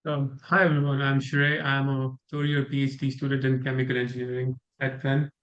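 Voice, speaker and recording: Young guy from india, kinda monotone, muffled zoom audio. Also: medium pitch, brisk. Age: 20s. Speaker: student panelist. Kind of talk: casual introduction. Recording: dull video call audio.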